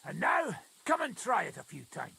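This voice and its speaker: A man's voice: high voice, huge pitch swings, normal speed, creaky, bright, forceful tone, a little hiss or hum, heavily acted. An actor playing a blunt, middle-aged male sword master in a video game, speaking in a brusque, instructive way and swearing casually. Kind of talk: game character dialogue.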